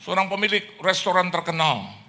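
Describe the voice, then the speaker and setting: Bright, high-voiced man preaching. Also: brisk. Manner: lively storytelling with jokes and acted-out dialogue. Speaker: pastor. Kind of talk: sermon. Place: church.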